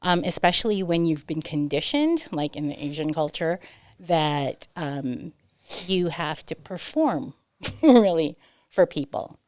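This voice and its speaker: A woman's voice: low-pitched, big pitch swings, a little slow, a little mellow, no echo, studio quality. A woman co-hosting a casual podcast chat, chatty and laughing often, with reflective asides. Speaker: co-host.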